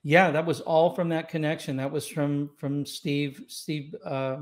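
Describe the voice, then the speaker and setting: A little high in pitch, level in tone and measured in pace, a saxophonist guest in his sixties shares easygoing, reflective stories with many fillers and restarts. Born in Scotland and raised in Los Angeles, he's in a relaxed interview over video call. He uses a boom-arm studio mic in a home room with wooden doors and shelves.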